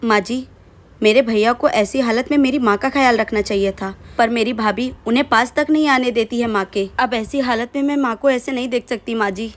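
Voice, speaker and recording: A woman's voice: on the high side, a little fast, natural voice. A woman voicing a young educated daughter-in-law in a family drama skit, who speaks in formal, polite address and gives firm answers. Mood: pleading.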